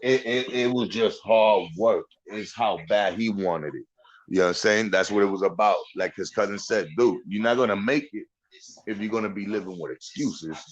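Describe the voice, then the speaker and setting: On a lo-fi recording, a Dominican podcast host in his forties speaks at normal speed in a low-leaning voice. His casual talk is blunt and full of profanity, regularly capped with "you know what I'm saying."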